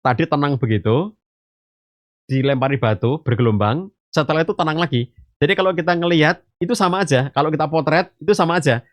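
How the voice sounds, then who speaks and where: Speaking quickly in a fairly high voice, this Islamic teacher gives a parenting talk on a podcast, using homely stories and analogies. He calls his listeners "ayah bunda" and leans often on the fillers "gitu" and "eh," in a dry, slightly muffled recording.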